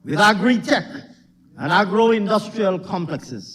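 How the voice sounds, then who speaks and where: A man's voice: high-pitched, animated, unhurried, fairly bright tone. A man with a Guyanese accent, a government minister delivering a formal budget speech in parliament, emphatic and repeating lines for emphasis. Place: parliament chamber.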